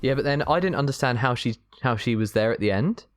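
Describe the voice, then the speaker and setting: A man from England co-hosting a film podcast, chatting in a relaxed way with dry, wry jokes. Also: medium pitch, fast, no echo. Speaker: podcast co-host. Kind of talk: casual film chat.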